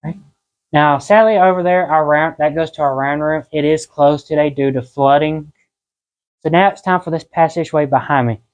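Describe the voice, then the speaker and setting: A man's voice: fairly high pitch, normal speed, highs cut off. A man giving an informal, folksy guided tour inside a cave, in a conversational way.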